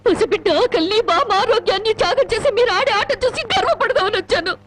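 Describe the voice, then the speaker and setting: A woman's voice: very high-pitched, lively intonation, fast talker. An actress playing a wronged young wife who lashes her husband with cutting, reproachful speeches. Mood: bitter reproach. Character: wronged young wife, bitter, sarcastic, grieving. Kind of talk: melodramatic film acting. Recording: film soundtrack with strong score.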